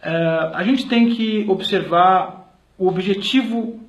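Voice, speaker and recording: A man's voice: high voice, slow pace, highs cut off. A man with a Brazilian accent presenting an explanatory video lecture, hesitating often with filler sounds and restarting phrases. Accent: Brazilian Portuguese. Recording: roomy echo.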